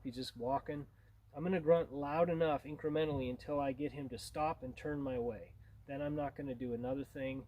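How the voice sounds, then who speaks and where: A man's voice: medium pitch, dark tone, slight background noise, poor audio. A man gives an informal tutorial as a hunting instructor, in a plain-spoken, conversational way.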